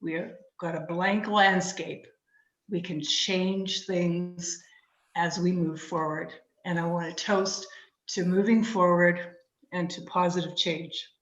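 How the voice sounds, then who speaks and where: A woman gives a toast over a video call, searching for words with many ums. She speaks slowly, at a lowish pitch. The audio is dull and echoey. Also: steady tone. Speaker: alumna giving a toast.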